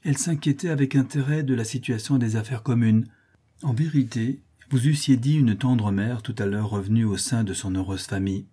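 A man reading a classic novel aloud as an audiobook narrator, in a measured literary manner. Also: medium pitch, dark tone, breathy edge. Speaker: audiobook reader.

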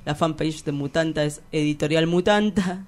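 This is a deep, slightly mellow female voice at a normal speed, with a little hiss or hum in the recording. The speaker, a young poet from Argentina with a Rioplatense accent, rambles hesitantly through a casual interview, slangy and giggly.

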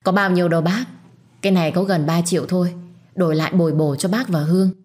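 A woman's voice: lowish voice, fast, natural voice. Woman doing a sugary, smug young rival. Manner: honeyed, flattering.

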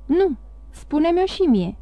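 A woman voicing a calm, sly male priest who talks in an even, coaxing way in an audiobook. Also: extremely high pitch, no room sound, pitched above the performer's own voice.

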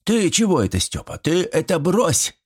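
A man's voice: medium pitch, big pitch swings, moderate pace, pitched above the performer's own voice. A man voicing a flustered old village man who sputters and squeals indignantly.

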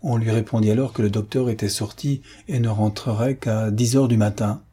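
An audiobook narrator reads a classic novel in scripted narration, keeping a steady, measured rhythm. His low voice is dark and mellow, carrying a husky, breathy edge.

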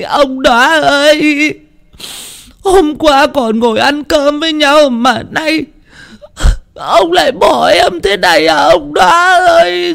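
A man's voice: extremely high pitch, vocal fry, fairly bright tone, voice pushed up, heavily acted. A man voicing a grief-stricken old village wife who wails and sobs. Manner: wailing, sobbing.

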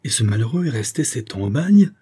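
A man's voice: on the low side, moderate pace, dark tone, husky. A man doing an aghast old chemist. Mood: shocked. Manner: exclaiming, aghast. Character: shocked elderly male chemist, gentle and upright.

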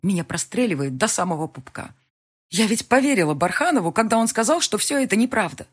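A woman's voice: mid-range voice, very animated, fast, husky. A woman reading a first-person audiobook, telling the story expressively. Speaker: audiobook narrator.

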